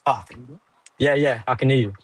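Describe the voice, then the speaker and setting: A young man in his twenties, calling in to a live stream over a choppy video call, talking haltingly with lots of fillers. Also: mid-range voice, no room sound. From Australia. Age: 20s. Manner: hesitant, halting, many fillers. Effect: caller heard over a glitchy live video call connection.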